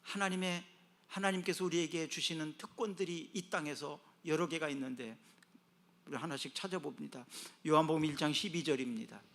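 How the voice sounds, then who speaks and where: A man preaching a sermon as pastor, moving between quiet stretches and loud exclamations. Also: a little high, brisk.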